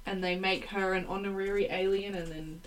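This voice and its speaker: A woman's voice: mid-range voice, fairly even intonation, a little fast, a little hiss or hum, poor audio. A woman co-hosting a podcast, chatting casually and acting out characters' lines in playful asides. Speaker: podcast co-host. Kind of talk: casual chat plotting a musical.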